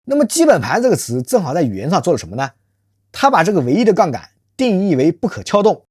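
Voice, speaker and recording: Husky, lively commentary host. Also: medium pitch, fast, no room sound, studio quality. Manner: rhetorical, emphatic, poses questions to listeners; calls self by nickname in third person. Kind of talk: scripted social commentary monologue.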